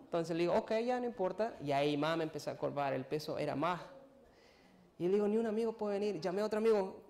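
A man giving a sermon testimony, telling a personal story in a halting, emotional way and acting out what people said to him. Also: high voice, lively intonation, a little mellow. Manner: storytelling, acts out his own and others' words, emotional, halting. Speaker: preacher.

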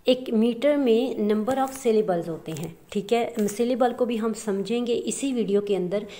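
Female tutor, slightly high voice, patient lesson delivery with frequent check-ins. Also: a little slow, warm tone. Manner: addresses listeners as friends, many fillers and "theek hai" checks. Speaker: teacher. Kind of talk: explaining a lesson.

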